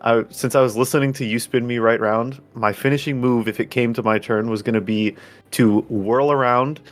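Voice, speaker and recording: A man's voice: medium pitch, steady tone, normal speed. A man chatting casually as a tabletop game player, meandering with many fillers.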